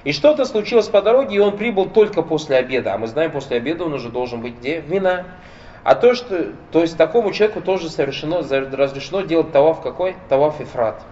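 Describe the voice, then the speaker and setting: A man's voice: fairly high pitch, lively intonation, quick pace, darkish tone. A man giving a religious lecture, explaining point by point and asking his listeners rhetorical questions. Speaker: Islamic lecturer. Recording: dull lo-fi lecture recording with faint noise.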